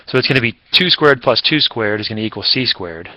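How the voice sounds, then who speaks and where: A man's voice: mid-range voice, expressive, brisk, bright, forceful tone, no echo, low-quality recording. A man teaching a recorded math lesson in a casual, chatty way, with fillers and self-corrections.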